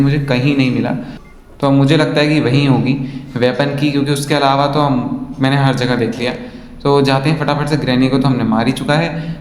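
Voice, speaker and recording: A man casually commenting on his own gameplay in speech, chatting to viewers and calling them guys. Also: medium pitch. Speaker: gaming vlogger. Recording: echoey room, faint ambient noise.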